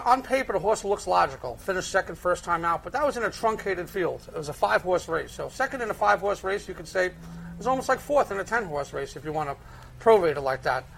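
High-pitched, creaky Brooklyn man analyzing races. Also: animated, quick pace, fairly bright tone, a little hiss or hum. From Brooklyn, United States. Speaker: horse racing handicapper. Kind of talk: conversational race analysis and picks.

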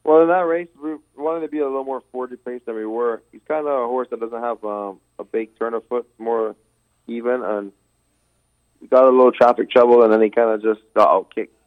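A man's voice: medium pitch, a little fast. A man in his thirties from Barbados, a horse trainer speaking modestly and plainly as an interview guest. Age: 30s. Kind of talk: phone-in interview. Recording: tinny phone line.

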